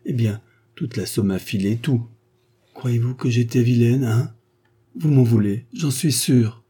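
Carefree young woman, voiced by a man, tearful whining, raised pitch, husky, storybook reading. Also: a little slow, warm tone. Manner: pleading, tearful whine.

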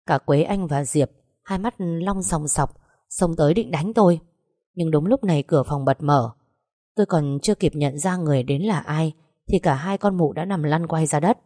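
A woman narrating a dramatic first-person story with vivid, lively storytelling. Her voice is fairly low, and the recording is dry and close, with no echo. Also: moderate pace.

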